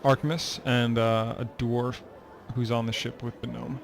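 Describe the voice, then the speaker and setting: A man's voice: medium pitch, flat delivery, normal speed, gravelly. A man narrating a tabletop game as game master. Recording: music behind.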